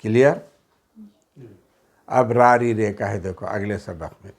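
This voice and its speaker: This fairly low-pitched man teaches Arabic with a Hyderabadi Urdu accent. His lesson is a steady drill of repeated words and their meanings, with English words mixed in.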